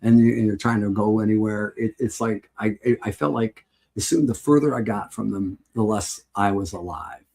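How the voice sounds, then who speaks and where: A middle-aged man with a husky voice, rambling with restarts as he reminisces in a casual chat. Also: fairly low pitch, moderate pace, warm tone. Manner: rambling, with frequent restarts and laughs.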